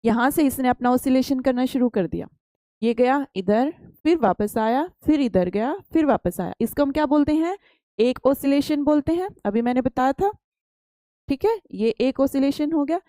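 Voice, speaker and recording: A young woman teaching a science class, patient and repetitive, keeps putting questions to her pupils and answering them herself. Her voice sits a little high, with a warm, mellow tone. The sound is close and dry, with no room echo. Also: animated, normal speed. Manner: explains patiently, repeats questions back to pupils.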